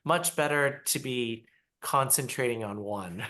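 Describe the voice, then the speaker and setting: A middle-aged man from Taiwan, answering interview questions on a video call in a reflective way with many pauses. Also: mid-range voice, bright, forceful tone. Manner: unhurried, reflective, with frequent pauses and fillers. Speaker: interview guest, ballet artistic director. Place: small apartment.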